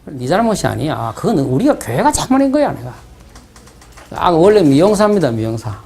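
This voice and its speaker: A man's voice: fairly high pitch, very animated, fairly quick, creaky, dark tone. A man with a Gyeongsang Korean accent, preaching a sermon as pastor, asking the congregation rhetorical questions and telling stories in dialect. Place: church sanctuary.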